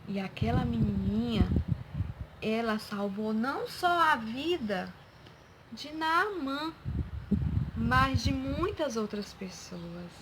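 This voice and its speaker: A woman telling a Bible story to children, slowly and expressively, acting out each character's lines. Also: on the high side, expressive. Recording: loud background noise.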